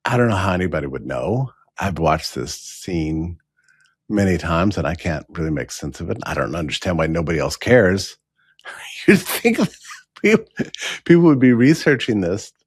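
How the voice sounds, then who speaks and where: Low husky man musing aloud. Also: dry recording, clean studio sound. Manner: musing, questioning, incredulous retelling. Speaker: show host. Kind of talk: commentary on past events.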